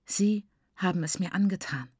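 A woman's voice: mid-range voice, normal speed, a little mellow, no room sound, studio quality, lightly acted. Woman voicing a frantic starving teenage girl. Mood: bitter whisper. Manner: whispers, hisses, then screams in fury. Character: desperate starving teenage girl, bitter and raging.

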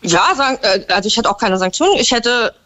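A woman arguing her position in a heated debate, halting and restarting often but holding her ground. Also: fairly high pitch, expressive, sharp tone. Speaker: guest.

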